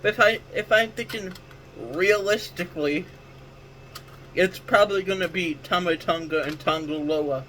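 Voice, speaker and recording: High-voiced man rambling about wrestling. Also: moderate pace, bright, forceful tone, a little hiss or hum, poor audio. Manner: rambling, self-correcting, full of restarts. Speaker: wrestling podcast host. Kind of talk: casual solo commentary.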